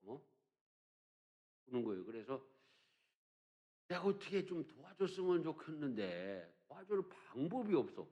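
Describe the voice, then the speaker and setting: A man's voice: medium pitch, lo-fi sound. An older man preaching a sermon as pastor, telling stories and acting out children's teasing, with emphatic rises on key points. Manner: storytelling, acting out children's teasing in a sing-song voice. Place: church sanctuary.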